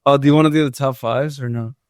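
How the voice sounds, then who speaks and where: Young guy cohosting a podcast, kinda flat and hesitant, clean dry mic. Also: medium pitch, quick pace, smooth, no echo. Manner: hesitant, with many fillers and restarts. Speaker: podcast co-host. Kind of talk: casual chat.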